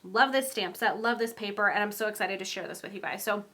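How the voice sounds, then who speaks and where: A young woman with a mid-range, sharp-toned voice talks fast and sounds stuffy and congested from a cold. She chats her way through a casual card-making tutorial, rambling with lots of ums, giggling and laughing often.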